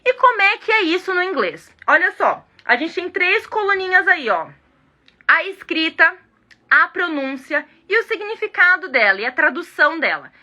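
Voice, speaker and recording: A woman's voice: very high voice, sing-song, moderate pace, pushed and bright. A Brazilian woman teaching English in a casual online lesson, playful and chatty, speaking straight to her viewers. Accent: Brazilian Portuguese.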